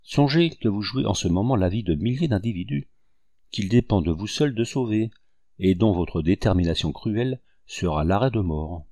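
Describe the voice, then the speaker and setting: A man voicing a gentle young woman who pleads softly and timidly, in an audiobook. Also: fairly low pitch, animated, moderate pace, dry recording, studio quality. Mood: pleading. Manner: soft, pleading.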